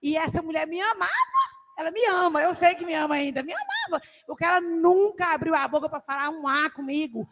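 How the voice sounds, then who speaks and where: Woman, high gravelly voice, animated church testimony, long reverb of a hall. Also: brisk, slight background noise. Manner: animated storytelling, laughs often. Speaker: church class participant. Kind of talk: testimony in a Bible class.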